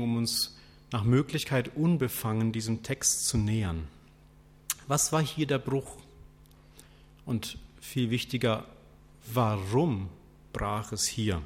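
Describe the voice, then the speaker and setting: A man preaching a sermon, asking rhetorical questions in a deliberate, questioning way. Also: mid-range voice. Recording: long hall reverb.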